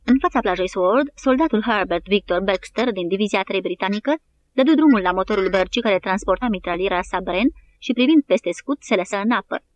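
A woman narrating an audiobook in a steady, even reading style. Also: medium pitch. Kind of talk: scripted narration.

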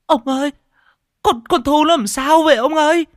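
A man's voice: moderate pace, no room sound, clean studio sound. A man putting on a wailing, desperate mother. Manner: high, wailing, pleading. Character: distraught middle-aged village mother, wailing.

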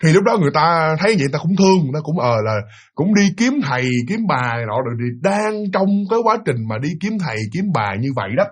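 Man, casual ghost-story telling, quick pace, high voice, talks straight to listeners. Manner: animated, repeats words, addresses listeners directly.

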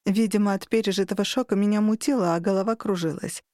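A young woman reads a novel aloud in the first person. She is emotional and her voice climbs sharply in distressed moments, from a middle pitch. The sound is dry and close to the mic. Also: fairly even intonation, fast talker, darkish tone, dry recording. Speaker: audiobook narrator.

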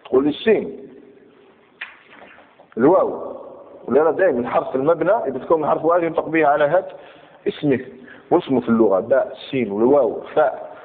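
A man's voice: a little high, fast, pauses often. Man teaching grammar. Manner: repeats key points and checks understanding with questions. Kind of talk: classroom lesson on grammar. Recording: tinny lo-fi recording with long hall reverb.

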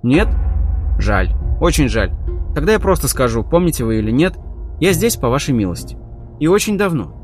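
A man's voice: a little high, big pitch swings, moderate pace, darkish tone, faint music behind. A man voicing a smug, vengeful male captor in an audiobook, sarcastic and taunting.

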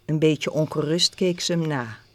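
A woman reading a literary column aloud in a radio studio with calm, measured storytelling. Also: low voice, no echo. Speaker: column reader.

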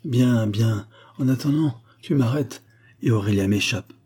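A man's voice: medium pitch, unhurried, mellow, slightly rough. A man voicing a proud, impetuous young nobleman who speaks in a haughty, disdainful way.

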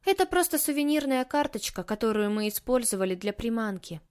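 A gentle, observant young woman who coaxes rather than accuses, voiced by the audiobook's reader. Her voice is soft and sighing. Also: fairly high pitch, very animated, a little fast. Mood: coaxing. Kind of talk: audiobook character reading.

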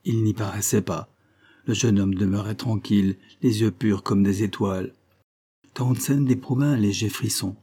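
Husky, dark-voiced male storyteller. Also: on the low side, fairly even intonation. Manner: measured, literary. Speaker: narrator. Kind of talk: audiobook reading of a short story.

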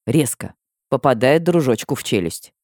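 A woman reading a first-person audiobook with emotional delivery and sudden high cries. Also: expressive, moderate pace, darkish tone, no room sound, studio quality. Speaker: audiobook narrator.

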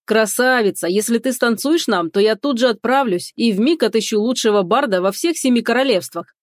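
A woman's voice: on the high side, a little fast, no room sound, studio quality, close to an everyday voice. A woman voicing a bold man in a tavern crowd who flirts with a dancer, in an audiobook. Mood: flirting.

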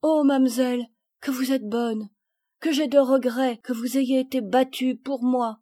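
Remorseful peasant girl in a storybook, high and tearful, as a woman reader puts her on. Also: steady tone, measured pace, warm tone, dry recording, studio quality.

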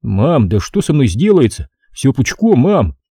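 A man's voice: mid-range voice, sing-song, unhurried, dark tone, slightly rough, dry recording, studio quality, exaggerated voice. A man reading an audiobook, voicing a young soldier who speaks brashly and impatiently, in slang. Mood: agitated. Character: blunt young soldier son.

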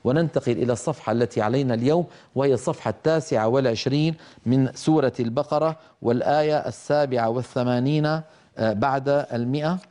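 A man teaching tajweed, explaining pronunciation rules and slowly demonstrating how verses should and should not sound. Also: mid-range voice, mellow. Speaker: Quran recitation teacher. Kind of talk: tajweed lesson.

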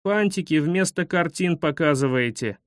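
A man's voice: on the high side, expressive, normal speed, no room sound, close to an everyday voice. A mischievous schoolboy who teases his classmates, as a man reads his lines, his voice raised above the reader's own. The sound is close and dry. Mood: sulky. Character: cheeky schoolboy, mischievous, sulky. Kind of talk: storybook reading.

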